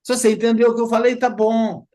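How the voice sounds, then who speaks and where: A man's voice: very high voice, fast. A man hosting a study group, explaining in a casual teaching talk and livening it up with playful imitations. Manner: animated storytelling with playful imitations.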